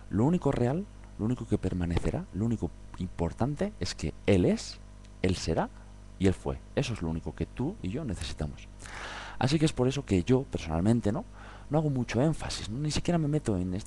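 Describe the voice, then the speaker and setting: A man's voice: lowish voice, big pitch swings, a little fast, mellow, a little hiss or hum. A man giving an informal Bible study talk, conversational, often checking in with his listeners through tag questions. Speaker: Bible teacher.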